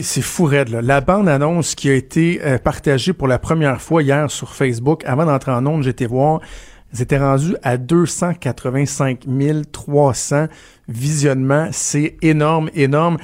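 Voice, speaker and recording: A man with a Quebec French accent, hosting a radio show and chatting casually with animated storytelling. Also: on the high side. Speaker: radio host. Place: radio studio.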